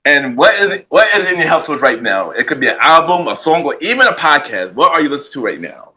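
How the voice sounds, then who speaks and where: A man's voice: on the high side, sing-song, quick pace, bright, forceful tone, husky, poor audio. A man hosting a podcast, interviewing a guest in a laid-back way, often repeating his phrases. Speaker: podcast host. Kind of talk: casual interview.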